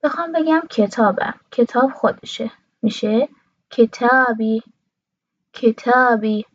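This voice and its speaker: Dry, clear-voiced woman teaching a language. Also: on the high side, no echo, highs cut off. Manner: repeats each word slowly and clearly. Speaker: Arabic teacher. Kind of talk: language lesson.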